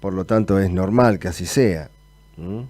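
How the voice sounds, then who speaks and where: A man's voice: low voice, moderate pace, a little mellow, no room sound. A man hosting a live radio talk show in a conversational, affirming way. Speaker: radio host.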